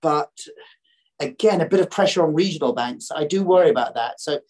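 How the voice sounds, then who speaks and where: A man with a croaky, coughy throat giving conversational market commentary as a podcast guest, often doubling back and repeating phrases. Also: on the high side, animated, a little fast, darkish tone.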